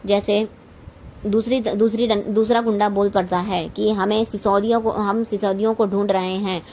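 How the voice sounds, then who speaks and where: A woman's voice: mid-range voice, steady tone, normal speed, a little mellow, a little hiss or hum. A woman narrating a TV serial recap, often stumbling and correcting herself mid-sentence. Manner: frequent restarts and self-corrections.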